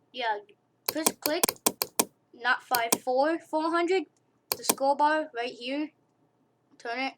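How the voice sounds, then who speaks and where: Rambling high-voiced girl, loud hiss. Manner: rambling, self-correcting, giggly asides. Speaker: tutorial maker. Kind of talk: casual screen-recorded drawing tutorial. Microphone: computer mic during screen recording. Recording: loud hiss with keyboard and mouse clicks.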